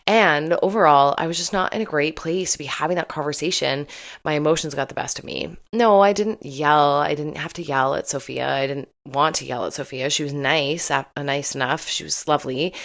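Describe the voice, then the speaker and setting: Low-voiced woman hosting a storytelling podcast. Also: fairly bright tone. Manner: candid, self-deprecating, laughs often. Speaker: podcast host.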